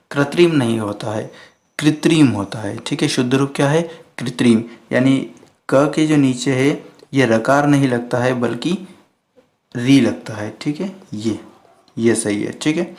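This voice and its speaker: A man's voice: medium pitch, fairly even intonation, moderate pace, darkish tone. A man teaching Hindi spelling for exam students, who asks and answers his own questions and keeps checking in with a repeated "okay".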